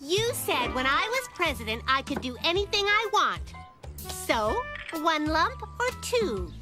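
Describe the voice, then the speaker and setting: A woman's voice: sits high, very animated, unhurried. A woman voicing Little Lulu, a clever and bossy little girl in a cartoon who talks in a sly, confident, cheeky way. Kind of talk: cartoon voice acting. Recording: studio voice over loud cartoon music.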